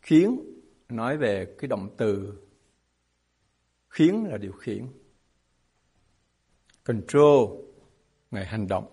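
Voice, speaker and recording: A man's voice: fairly low pitch, expressive, slow, long pauses, mellow, slightly rough. A man preaching a sermon as a pastor, emphatic and asking his congregation rhetorical questions.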